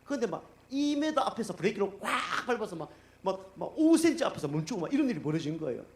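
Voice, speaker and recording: A middle-aged man preaching as a pastor in a church, telling stories in a casual, animated way and acting out the people he quotes. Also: high-pitched, fast talker. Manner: animated, acts out quoted speech, many fillers. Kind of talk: conversational sermon storytelling. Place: church sanctuary.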